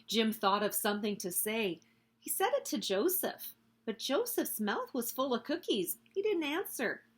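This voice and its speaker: Reading a picture book for little kids at story time, a woman performs it in a lively, expressive way. She has a slightly high, husky voice and a measured pace.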